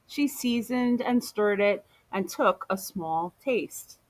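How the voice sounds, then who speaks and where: Reading a children's picture book aloud, a woman with a medium-pitched voice tells the story in an animated, deliberate way.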